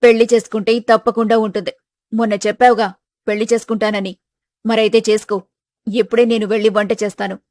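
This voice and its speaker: A woman's voice: on the high side, little pitch movement, fast talker, a little mellow, dry recording, natural voice. A woman voicing a bossy, determined middle-aged mother in a storybook tale. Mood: insistent. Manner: insistent, scolding. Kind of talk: storybook voice acting.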